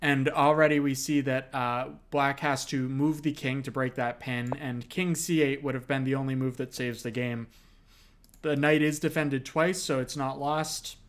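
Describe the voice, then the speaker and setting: A male chess commentator at a middling pitch talks through variations at an unhurried, explanatory clip. He breaks the analysis with small fillers as he goes. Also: fairly even intonation. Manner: explains moves steadily with frequent fillers.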